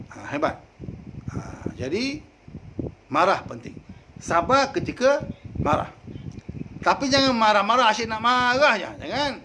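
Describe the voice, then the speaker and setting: A man with a Malaysian Malay accent giving a folksy sermon, dropping frequent "ha" interjections and swinging from loud to soft. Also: sits high, slight background noise. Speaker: preacher.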